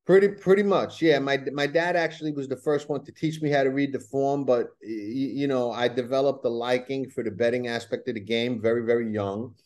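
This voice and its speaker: A man's voice: mid-range voice, fairly even intonation, a little fast, few pauses, darkish tone. A man with a Brooklyn New York accent, speaking as a guest in a conversational podcast interview, often repeating words as he explains. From New York, USA. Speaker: horse racing handicapper, interview guest.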